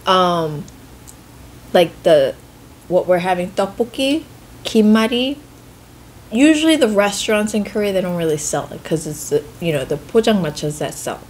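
Lowish-voiced woman hosting a casual meal chat. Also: lively intonation, moderate pace, a little mellow, slight background noise. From United States. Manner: rambling, self-correcting, hedges often. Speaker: host.

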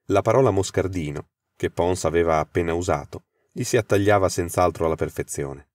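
A man narrating a dramatized audiobook story in the first person, in a measured way. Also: low-pitched, darkish tone, dry recording, studio quality.

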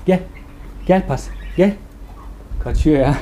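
A pet owner gently coaxing and scolding cats in singsong baby talk. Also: medium pitch, slow, noisy background.

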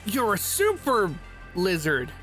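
Gamer parody by a man: playful, excitable martial-arts hero reacting in character, bouncy intonation. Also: high-pitched, slow pace, full character voice. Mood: amused. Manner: goofy, excitable. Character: playful, boastful male martial-arts hero playing a game. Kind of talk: in-character gameplay commentary. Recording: loud game music behind.

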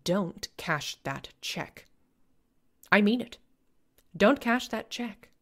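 A woman's voice: medium pitch, animated, takes it slowly, fairly bright tone, exaggerated voice. A woman playing an icy, domineering, hostile wealthy wife with a cutting, commanding manner in an audio drama. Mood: cold, menacing. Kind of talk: detective audio drama acting.

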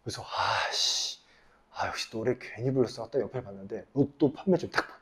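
A male academy teacher casually telling a story to his class in a classroom, with animated, teasing banter toward the students. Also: mid-range voice, brisk. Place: classroom, indoors.

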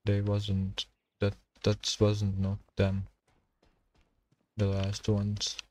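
Man, gaming streamer, low voice, slow and flat, thinking aloud. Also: no room sound. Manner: halting non-native English, thinking aloud while playing. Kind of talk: casual gameplay commentary.

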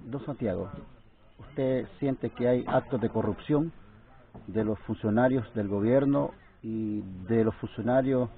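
A male interviewer asking long, formal, measured questions. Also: medium pitch. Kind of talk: journalistic questioning. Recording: distant, tinny phone-like sound.

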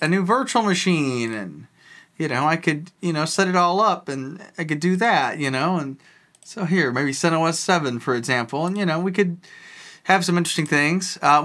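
A tech video host walks through a software tool in a casual, rambling way, thinking out loud as he clicks around. His voice sits in the mid range.

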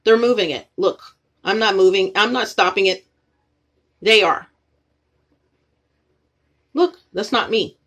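Filming on a phone aimed at the ceiling in her apartment, a woman rambles and repeats herself as she talks straight to viewers. Her mid-range, fairly bright voice moves slowly, with frequent pauses.

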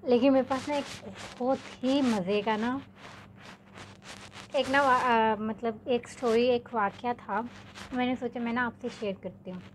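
A young woman from Pakistan, telling a story to her vlog viewers in a chatty, animated way, full of filler words. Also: on the high side, measured pace, a little hiss or hum. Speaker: vlogger.

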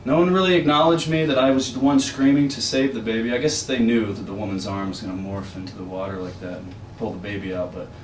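A man performing at an apartment experimental music show, telling a meandering story in a deadpan, wry way between improvised pieces. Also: lowish voice, fast, few pauses. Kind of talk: rambling spoken monologue between improvised music. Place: small apartment used as a live music venue. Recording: roomy, distant live room recording with faint noise.

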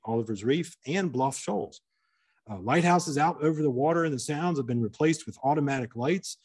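A man, working as a museum curator, giving a slide lecture in an auditorium, reading an old article aloud with pauses and restarts. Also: mid-range voice, warm tone, breathy edge. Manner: reads with pauses and restarts, chuckles at anecdotes.

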